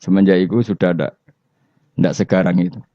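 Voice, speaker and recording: A man's voice: low voice, fairly even intonation, brisk, dark tone, dry recording. A man with a Javanese accent giving a religious lecture, telling humorous stories and quizzing his listeners. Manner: humorous storytelling, quizzing the audience. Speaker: Islamic preacher. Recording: dull lo-fi recording.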